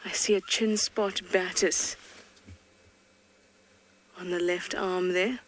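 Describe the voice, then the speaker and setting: A woman's voice: on the low side, steady tone, takes it slowly. Playful woman safari guide. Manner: playful, chatty. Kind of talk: live wildlife commentary. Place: outdoors in the bush.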